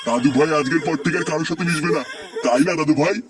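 A man's voice: on the high side, fast, far from the mic, natural voice. A man doing a doting old cartoon grandfather. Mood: coaxing. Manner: soothing and coaxing.

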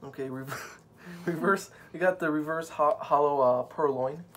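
A man's voice: a little high, moderate pace, a bit bright. A man hosting a casual card-unboxing chat at home on a couch, rambling and joking, with many fillers. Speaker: channel host.

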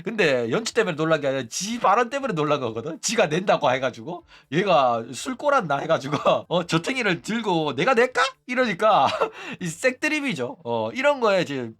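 Brief: chatty male commentator, high voice, very animated, laughs a lot. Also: normal speed, few pauses. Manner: chatty, laughs often, retells quotes animatedly. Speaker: VTuber news channel host. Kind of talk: casual storytelling commentary.

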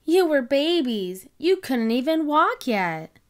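Kind storybook mother pig, read by a woman, gentle and lively in tone. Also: high voice, takes it slowly, voice pushed up, full character voice. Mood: fond. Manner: gentle, explaining.

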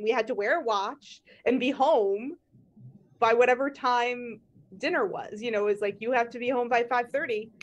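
Chatty woman podcast host. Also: sits high. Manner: rambling, laughs often, many restarts. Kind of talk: casual chat.

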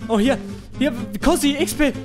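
A man giving casual let's-play commentary as a YouTube gamer, halting and restarting his words, excitable and yelling as he plays. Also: very high-pitched, over music. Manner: halting, stumbling over words, restarting often; excitable, shouting and laughing while playing. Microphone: headset.

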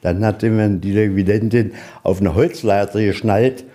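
On a museum walking tour, a middle-aged guide speaks at normal speed in a lowish, warm voice with fairly even intonation. His style is casual and matter-of-fact, with plenty of questions he raises and answers himself.

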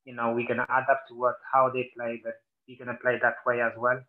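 A man's voice: mid-range voice, fast, phone-quality sound. A man from Senegal, a former footballer, talking casually in an interview and leaning on "literally" and "you know". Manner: animated when quoting, repeats "literally" and "you know".

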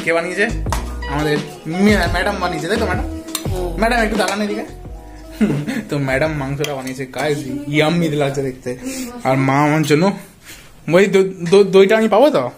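A man's voice: on the high side, brisk, music in the background. A man, vlogging casually at a family home and addressing his viewers as guys, with English words mixed into his talk. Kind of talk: casual vlog narration to viewers. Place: family home and shop, indoors.

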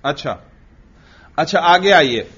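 Male grammar teacher, classroom drill style; slow, patient, repetitive questioning; muffled lo-fi recording. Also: fairly high pitch, animated, fairly bright tone, breathy edge. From Pakistan. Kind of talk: classroom lecture with call-and-response drilling.

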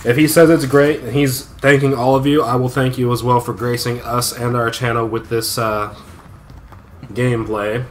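A man's voice: mid-range voice, flat delivery, normal speed, slight background noise. A man co-hosting a let's play, joking casually while reading the credits aloud. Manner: joking, reads credit names aloud with asides and laughs. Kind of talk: casual gaming commentary.

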